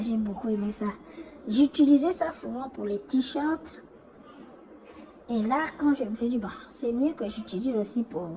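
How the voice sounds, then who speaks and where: Higher-pitched woman, noisy recording. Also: mellow. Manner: repeats words and phrases often. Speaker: sewing tutorial host. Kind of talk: casual spoken demonstration.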